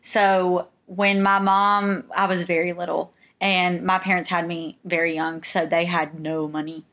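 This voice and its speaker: A young woman chatting casually, her voice sitting a little low for a woman. She rambles through stories with plenty of fillers and small laughs. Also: flat delivery, unhurried, a bit bright. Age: young adult. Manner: chatty, lots of likes and laughs. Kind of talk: casual chat.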